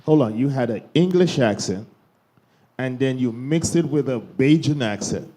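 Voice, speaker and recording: A man's voice: medium pitch, lively intonation, moderate pace, mellow. A man hosting a panel discussion, prompting his guests with curious questions. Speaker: host.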